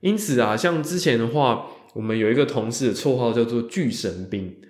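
A man hosting a podcast alone, talking casually and chattily, often stretching out the sounds that end his phrases. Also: medium pitch. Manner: chatty, with drawn-out particles ending phrases. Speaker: podcast host. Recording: roomy echo.

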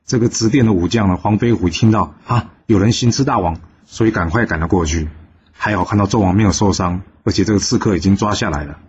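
A man hosting a storytelling channel, narrating a classical tale in a lively way and lightly voicing the characters in quotes. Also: lowish voice, fast, husky. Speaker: storyteller host. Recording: slightly dull recording with faint noise.

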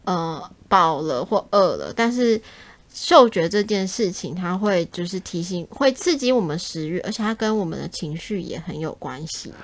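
A woman's voice: on the low side, lively intonation, normal speed. A woman with a Taiwanese Mandarin accent, chatting casually as a podcast co-host. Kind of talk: casual chat.

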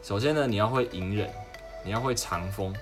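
A man's voice: fairly low pitch, a little fast. A young man with a Taiwanese Mandarin accent, chatting casually as a stream host and telling stories, sometimes mimicking others in a raised voice. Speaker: livestream host. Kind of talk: casual chat. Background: background music.

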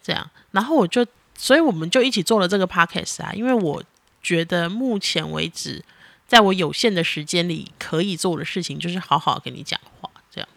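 A woman, chatting casually on a podcast as a mother talking with her child, animated and exasperated in a teasing way. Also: lowish voice, a little fast, creaky, no room sound.

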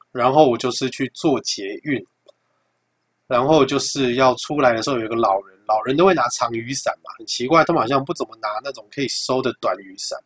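A young man with a Taiwanese Mandarin accent, hosting a podcast and telling a story in a casual, animated, profane way, acting out the dialogue. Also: mid-range voice. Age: young adult. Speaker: podcast host.

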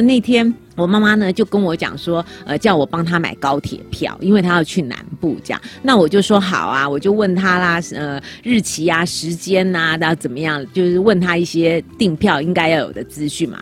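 A woman with a Taiwanese Mandarin accent talks in a casual podcast chat, her voice sitting fairly low. She tells the story with lively swings in pitch and acts out both sides of the dialogue. Soft music plays underneath. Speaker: podcast co-host.

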